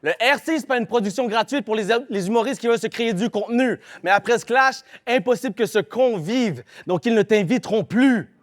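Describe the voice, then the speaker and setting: A man's voice: sits high, a little fast. A man with a Québécois accent, performing a live battle rap verse with aggressive, punchy rhymes. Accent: Québécois French. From Quebec. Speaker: battle rapper.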